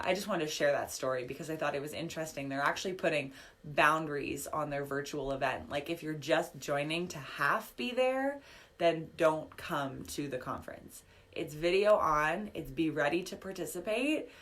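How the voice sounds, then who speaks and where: A woman with a low voice leads a live online workshop as a business coach. She talks in a chatty, upbeat way full of "um" and "like", and her voice is a little worn, as if she is losing it. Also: a bit bright. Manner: chatty, upbeat, filler-heavy, reading chat comments aloud. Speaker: business coach and podcast host.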